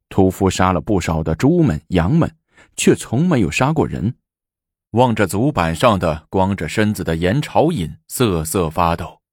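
Low-voiced male storyteller. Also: no echo, clean studio sound. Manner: animated, dramatic narration. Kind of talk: historical storytelling.

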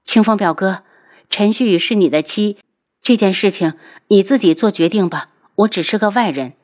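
A woman voicing a young noble lady who speaks calmly and firmly. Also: mid-range voice, moderate pace, natural voice.

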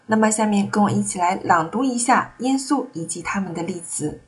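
A woman with a husky, mid-range, expressive voice teaches French at a fairly quick pace. She goes step by step and corrects her class patiently, and the classroom recording is muffled with a bit of noise.

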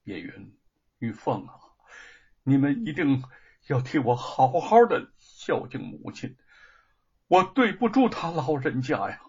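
A grieving condemned scholar from an audio story, as a male storyteller voices him. He speaks low and soft, with a husky voice. The recording sounds dull and lo-fi. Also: very animated, measured pace, full character voice. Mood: tearful. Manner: tearful and pleading.

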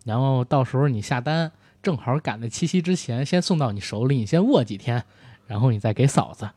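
A man's voice: medium pitch, animated, a little fast, warm tone, breathy edge, dry recording. A man chatting as a podcast co-host, teasing and colloquial. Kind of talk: casual comic banter and sales pitch.

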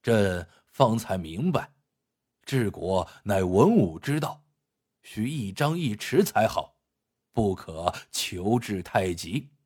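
A man voicing a stern, cold older emperor who is also a grieving father, speaking slowly and heavily in a low voice. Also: big pitch swings, darkish tone, husky, heavily acted. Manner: slow, heavy, low delivery.

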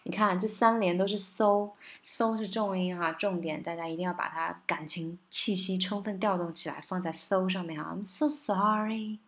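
Woman, singing and pronunciation teacher. Casual spoken lesson, patient and coaxing, checks in often, slows to model words. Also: fairly low pitch, steady tone, noisy background. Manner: slows down to model English words, sometimes sings lines.

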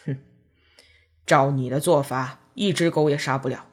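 A woman voicing a coarse middle-aged male dog butcher in an audiobook reading, with a blunt, gruff delivery. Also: very deep voice, fairly even intonation, moderate pace, voice pushed down. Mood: scornful.

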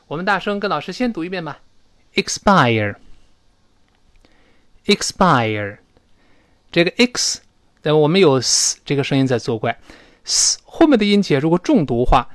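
Lively Chinese man teaching English. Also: a little high, no room sound. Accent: Mandarin-speaking teacher. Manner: lively, drawls out English words slowly to model them. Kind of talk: recorded English pronunciation lesson.

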